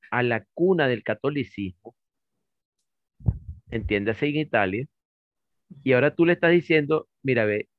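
A man's voice: mid-range voice, dry recording. Playful male interviewer, dull dry sound. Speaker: interview host. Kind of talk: interview conversation.

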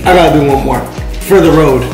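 A young man talks as a playful father in a casual family challenge, reacting as he eats gross jelly beans. He is picked up by a camera across an echoey room, with loud music behind him. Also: fairly high pitch, fast. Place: indoor dining room at a glass table. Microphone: camera across the table.

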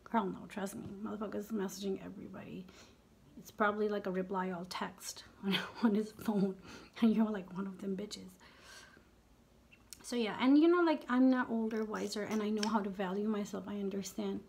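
A woman's voice: mid-range voice, fairly even intonation, normal speed, gravelly, darkish tone, a little hiss or hum. A woman in her fifties chatting casually while doing her makeup. She speaks candidly, swears freely and often drops into half-whispered asides. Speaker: beauty vlogger.

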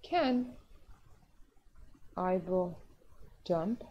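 Slow, patient woman teaching an online English class. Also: on the low side, animated. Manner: slow, patient, drawn-out explanations with check-ins like "yes?". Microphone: video call. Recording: dull, lo-fi online class audio.

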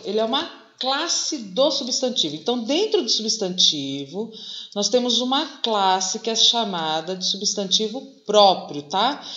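A woman's voice: on the high side, a bit bright. Patient Brazilian woman teaching a lesson. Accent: Brazilian Portuguese. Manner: patient, explains slowly with many "tá?" and "né?" checks. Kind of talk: classroom lesson video. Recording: echoey room, slightly dull sound.

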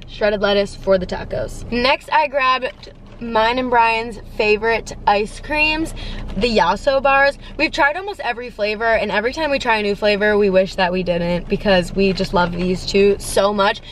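Parked in her car, a young woman vlogger with a mid-range voice chats to a dashboard camera at a normal pace about her grocery haul. She's bubbly and talkative, gesturing animatedly with her hands, with slight noise in the background.

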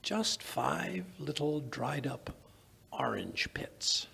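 An older man playing an elderly, genial doctor telling stories in halting, stammering 1940s radio style. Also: a little high, expressive, gravelly, exaggerated voice. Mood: musing, amused. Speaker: radio play storyteller. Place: small indoor museum studio stage. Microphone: vintage-style stand microphone.

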